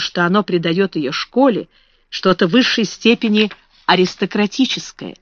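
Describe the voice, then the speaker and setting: An audiobook narrator reads a children's classic at an even, measured pace. The sound is dull and lo-fi, close with no room echo. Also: mid-range voice. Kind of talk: audiobook reading. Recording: dull lo-fi dry recording.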